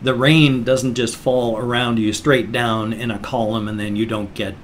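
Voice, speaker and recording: A man's voice: mid-range voice, steady tone, moderate pace. An older man rambling casually to viewers, apologetic and mildly grumbling, his speech hissing and slightly slurred from loose dentures. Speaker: vlogger.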